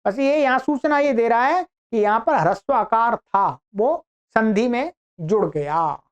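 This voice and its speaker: A woman teaching Sanskrit grammar online, explaining patiently step by step and drawing out example words slowly. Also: a little high, lively intonation. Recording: dull lo-fi recording.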